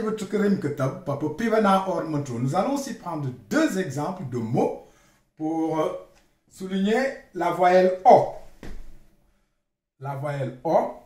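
A man with a high, lively voice leads a slow language lesson. He repeats each word and spells it out carefully, and the room around him gives off a clear echo. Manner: repeats words slowly, spells them out. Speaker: language teacher.

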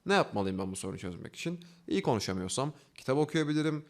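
Fast-talking, earnest male instructor. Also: medium pitch, very animated. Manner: explains step by step, asking himself questions and answering them; fast, earnest, coaxing delivery with rising emphasis. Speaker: online self-development instructor. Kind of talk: instructional talk.

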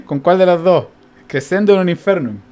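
A man with a Chilean accent giving casual gameplay commentary as a streamer, thinking aloud, counting out loud and chuckling often. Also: sits high, lively intonation, moderate pace.

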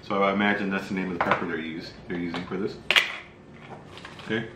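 A middle-aged man with a fairly low voice reviews food casually. He speaks in a halting, low-key way while tasting. The room is echoey, with faint noise behind him. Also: fairly even intonation. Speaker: spicy food review host. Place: small bright room indoors. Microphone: camera mic across a table.

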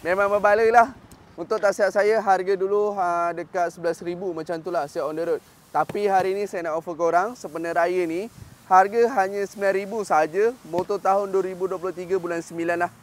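Talking a little fast in a high, fairly even voice, a man in his thirties with a Malaysian Malay accent shows off a motorcycle in the outdoor lot of his shop. He's a dealer with upbeat patter and English fillers mixed in.

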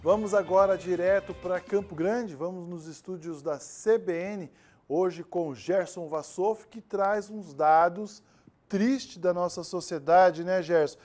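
A man's voice: high-pitched, slow pace, a little mellow, soft background music. A man with a Brazilian Portuguese accent anchoring a live news show, handing over to a reporter in a friendly, conversational way. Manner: friendly, conversational, asks questions.

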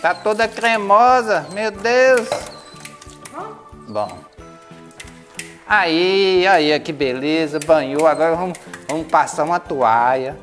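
Low-voiced Brazilian woman coaxing her dog. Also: takes it slowly, long pauses, soft background music. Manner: coaxing, soothing pet talk with sighs and exclamations. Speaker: pet owner vlogger. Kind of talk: casual talk while bathing a dog.

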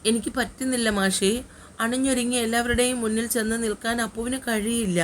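A woman's voice: a little high, fairly even intonation, a little fast, slight background noise, lightly acted. A woman voicing a heartbroken young woman who pleads through tears in a romance audiobook. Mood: bitter reproach. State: crying.

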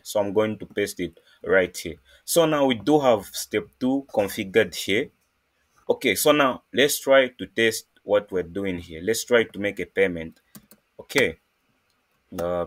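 Halting Zambian man walking through code. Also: lowish voice. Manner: halting, many fillers and restarts. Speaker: programming tutorial host. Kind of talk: casual screen-recorded coding tutorial.

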